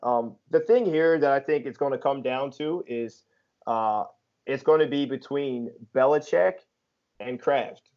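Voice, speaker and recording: A man's voice: mid-range voice, a little slow. A man co-hosting a sports podcast, chatting casually with teasing jokes and plenty of ums. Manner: joking and teasing, lots of ums and filler. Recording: dull lo-fi podcast audio.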